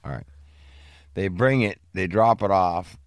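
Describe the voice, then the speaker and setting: A man's voice: low voice, a little slow, dry recording, studio quality. A man casually telling a long story on a podcast, swearing a lot and acting out the people he quotes.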